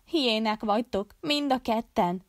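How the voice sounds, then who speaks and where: Audiobook figure: terrified, defiant young wife, voiced by a woman narrator, shrill cries, dry close sound. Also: no room sound, close to an everyday voice. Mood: screaming. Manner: screaming, crying out.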